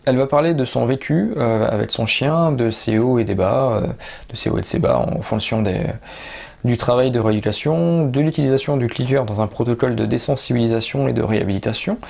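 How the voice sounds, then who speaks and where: Male dog trainer, gravelly tone, halting casual book review. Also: medium pitch, darkish tone. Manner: hesitant, many "euh" fillers.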